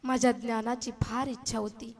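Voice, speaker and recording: A woman's voice: a little high, level tone, a little fast. A woman from Maharashtra telling a devotional story as a kirtan preacher, dramatic and emotional. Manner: emotional, dramatic, swings from soft to loud.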